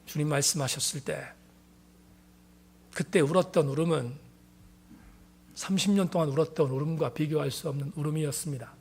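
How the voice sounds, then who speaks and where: Gravelly-voiced pastor preaching earnestly. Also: male voice, on the high side, steady tone, brisk, long pauses, a little mellow. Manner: earnest, emphatic testimony. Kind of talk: sermon.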